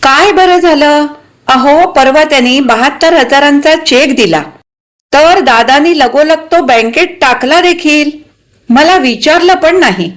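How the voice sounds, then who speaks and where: A woman doing a loud, scolding sister-in-law. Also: sits high, takes it slowly, pitched above the performer's own voice. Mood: indignant. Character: blunt, sharp-tongued middle-aged sister-in-law. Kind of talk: audiobook story reading.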